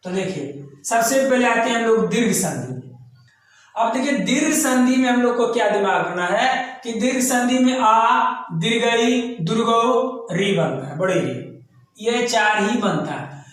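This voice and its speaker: A man's voice: extremely high pitch, animated, unhurried, a bit bright. A man teaching an exam coaching lesson, repeating key terms and chanting them in lists. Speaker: grammar teacher. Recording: very echoey room.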